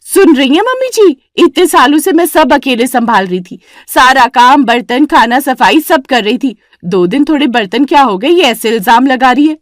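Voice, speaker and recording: Brief: cartoon elder daughter-in-law, scheming and shrill, played by a woman, high loud voice. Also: lively intonation, normal speed, few pauses, no room sound, studio quality. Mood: indignant.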